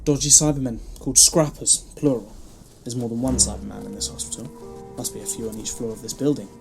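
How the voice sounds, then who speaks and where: An actor in an audio drama playing the Doctor, a brisk, grave and protective time traveller who speaks with urgent emphasis. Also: mid-range voice, steady tone, vocal fry, music in the background, lightly acted.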